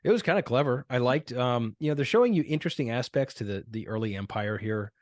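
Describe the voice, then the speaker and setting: A man's voice: mid-range voice, expressive, quick pace, darkish tone, no room sound, studio quality. A man co-hosting a casual podcast, chatty and loose, hedging with filler words. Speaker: podcast co-host.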